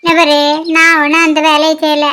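Very high-voiced woman voicing a cartoon. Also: monotone, brisk, pushed and bright, soft background music. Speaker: cartoon narrator and voice of all characters. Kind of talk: cartoon voice acting, village dialogue.

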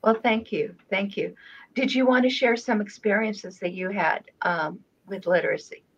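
Hosting her channel over a relaxed video call, a woman who grew up in Israel speaking Hebrew first talks from a home room with a framed painting. Her voice is mid-range and her pace slow, broken by many pauses and fillers. The webcam audio sounds dull and lo-fi.

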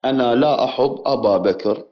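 A man calling in to a debate show, speaking in a measured, formal way and insisting on finishing his point. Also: mid-range voice, lo-fi sound. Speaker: caller. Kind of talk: religious debate by phone.

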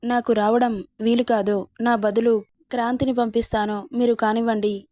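A woman reading a storybook, voicing a patient, quietly stubborn young man who speaks soothingly and teases gently. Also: fairly high pitch, little pitch movement, normal speed, no room sound, lightly acted. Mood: calm.

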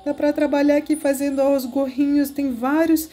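A woman with a Brazilian Portuguese accent hosts an excited game walkthrough video, gushing, giggling and cooing over cute things. Her voice is high-pitched and mellow, with a flat delivery at a moderate pace.

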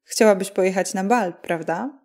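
A woman voicing a cheerful, kind fairy godmother who speaks slowly and reassuringly in a bedtime storybook reading. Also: mid-range voice, darkish tone, natural voice.

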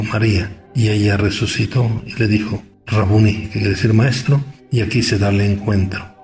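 A man, a bishop, reading a gospel passage and giving a measured, reflective homily full of repeated questions. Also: on the low side, darkish tone.

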